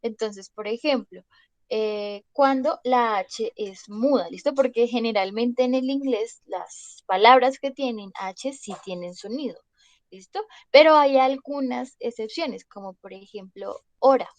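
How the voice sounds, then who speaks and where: Slow, patient woman teacher. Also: on the high side, no echo, rough recording. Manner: slow, repeats "¿listo?" to check understanding. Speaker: English teacher. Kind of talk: online class explanation.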